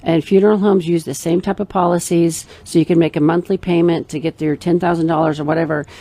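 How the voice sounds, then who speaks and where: A woman's voice: lowish voice, fairly even intonation, fast talker, mellow, dry recording. A middle-aged woman co-hosting a radio show, chatting in a rambling, emphatic way. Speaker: radio show co-host, financial planner. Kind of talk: casual radio chat.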